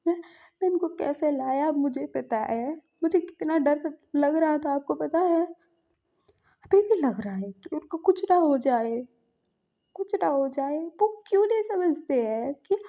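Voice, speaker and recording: A woman's voice: sits high, warm tone. A woman voicing a distraught young man who pleads tearfully and repeats himself at a sickbed. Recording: dull lo-fi recording.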